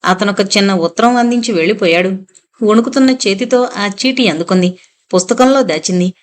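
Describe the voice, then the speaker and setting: A woman narrating a full-length novel as an audiobook, reading the dialogue in her own voice with steady storytelling. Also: medium pitch, fairly quick.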